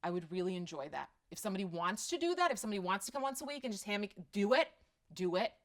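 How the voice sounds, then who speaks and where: Racing along with big pitch swings in her mid-range voice, a middle-aged woman from Croatia fields viewers' questions about parenting during a live stream. She speaks casually, with a slight Croatian accent, and comes across as candid and self-deprecating.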